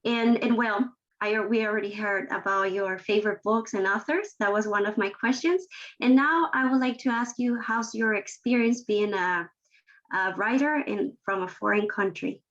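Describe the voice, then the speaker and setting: Halting woman reader on a dull call line. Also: medium pitch, a bit bright. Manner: halting, searching for words and restarting. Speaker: book club reader asking the author a question. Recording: dull lo-fi video call audio.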